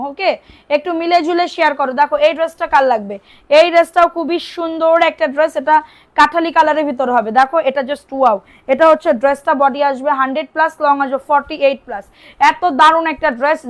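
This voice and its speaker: A woman's voice: high-pitched, a bit bright. A young woman from Bangladesh selling clothes on a live stream, chatting with commenters and repeating prices and calls to order. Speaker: online clothing seller. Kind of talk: live-stream sales pitch.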